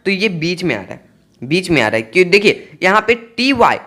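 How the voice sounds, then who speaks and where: A man's voice: high-pitched, sing-song, normal speed, bright, forceful tone. A man teaching English pronunciation to students, spelling out words letter by letter and repeating each point. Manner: repetitive, spells out letters one by one.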